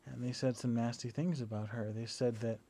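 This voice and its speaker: A young video diarist, lying down at home, speaks fairly quickly into a battery-powered camera. His voice sits in the mid range, and his casual, relaxed talk is hesitant and littered with fillers and restarts.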